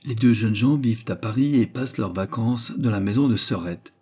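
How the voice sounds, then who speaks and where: A man narrating a classic novel in a steady, measured reading. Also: lowish voice, husky. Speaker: audiobook narrator.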